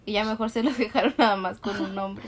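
A woman's voice: medium pitch, steady tone, fairly quick. A young adult woman, co-hosting a podcast in casual chat and telling stories with many self-corrections. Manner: rambling storyteller, frequent self-corrections. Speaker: podcast co-host.

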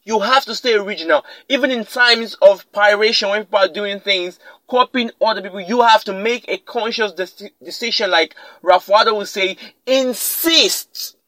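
A man with a high voice gives a motivational podcast talk and leans hard on his main points, often saying them twice. The sound is close and dry, with almost no room around it. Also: fairly quick, hardly any pauses, sharp tone, no room sound, low-quality recording. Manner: emphatic, repeats key lines for effect. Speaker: podcast host.

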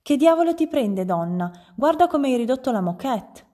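Una donna che legge ad alta voce e fa un padre vanitoso di mezza età che urla in preda al panico. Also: female voice, mid-range voice, brisk, natural voice. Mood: agitated. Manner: shouting, flustered. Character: loud panicking vain middle-aged father.

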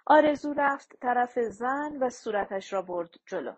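A woman narrating an audiobook in a measured, even storytelling voice. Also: a little high, slightly rough, dull audio.

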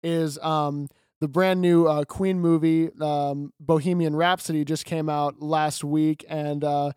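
A man's voice: on the high side, flat delivery, measured pace, darkish tone, clean tone, dry recording, studio quality. A young man co-hosting a podcast, explaining things earnestly in long run-on sentences. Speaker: podcast co-host. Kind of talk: casual chat.

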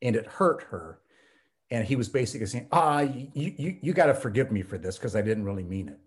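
A theology professor and pastor from the United States talks fairly quickly with lively intonation in a medium-pitched voice. As a podcast guest in a conversational interview, he explains ideas earnestly, like a teacher, with frequent ums.

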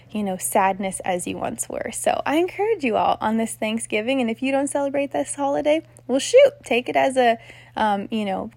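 A woman's voice: mid-range voice, darkish tone, no room sound. A woman hosting a podcast, talking casually and earnestly to her listeners, recorded on her phone from her bed at home. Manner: earnest, encouraging, gushing thanks. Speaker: podcast host. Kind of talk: casual heartfelt chat.

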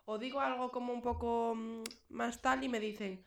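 Female podcast co-host, higher voice, loud and intense, echoey room. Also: fairly even intonation, normal speed, gravelly, slight background noise. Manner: emotional, intense, loud, swearing. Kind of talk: casual chat.

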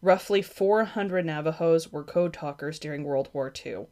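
Young woman, low voice, podcast host reading a history script with casual asides. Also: normal speed, darkish tone. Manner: reads from a script, stumbles on names and apologizes.

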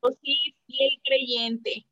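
A woman with a Mexican accent in casual chat, chatty and quick with short agreeing replies. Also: high voice, fairly even intonation, music in the background. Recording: dry, dull lo-fi recording.

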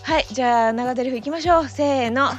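A woman's voice: sits high, a little fast, highs cut off, soft background music. A woman hosting a casual solo podcast as a mother, flustered and laughing as she pleads with her small child to stop interrupting.

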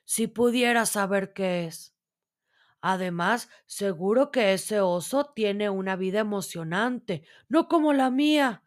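A woman voicing a gentle, earnest male brown bear in a storybook who longs to learn to read. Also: medium pitch, takes it slowly, lightly acted. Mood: wistful. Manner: hopeful, earnest, mild.

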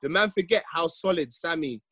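A man with a London roadman accent hosts a casual football debate, talking in insistent, animated street slang. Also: fairly high pitch, fairly quick, breathy edge, dry recording. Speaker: podcast host.

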